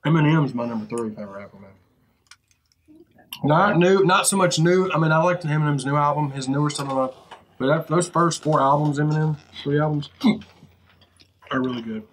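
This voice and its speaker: A man's voice: a little high, normal speed, pauses often, slight background noise, rough recording. A man in his thirties chatting casually as a guest, hesitant and a little defensive. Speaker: video guest, rapper. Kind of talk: casual chat. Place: inside a fast-food restaurant, seated at a table.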